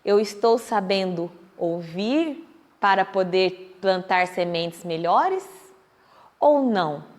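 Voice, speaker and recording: A woman's voice: mid-range voice, animated, slow. A Brazilian woman giving a public talk at a Spiritist center, telling a story and acting out what other people say. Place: meeting hall of a Spiritist center. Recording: echoey hall.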